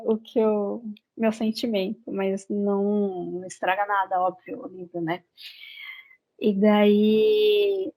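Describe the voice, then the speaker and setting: A woman's voice: medium pitch, a little mellow, poor audio. A woman with a Brazilian Portuguese accent retelling a novel's plot in a casual, rambling book review, full of fillers and restarts.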